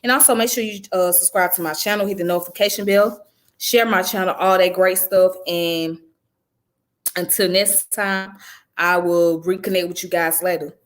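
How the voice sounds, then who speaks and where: On her own channel, a Southern-raised woman delivers blunt, profane, conversational commentary in a casual vlog style. Her pitch is fairly low, her intonation mostly even, and she talks at a normal speed.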